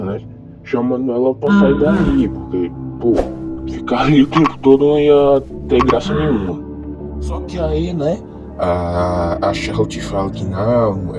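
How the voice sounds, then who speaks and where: A man with his voice run through a voice changer, telling a film's plot in a loose, chatty way with lots of fillers. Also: on the low side. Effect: voice changer disguising his real voice. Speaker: movie recap narrator. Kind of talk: casual film plot summary. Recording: muffled, dull voice-changer audio. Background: background music.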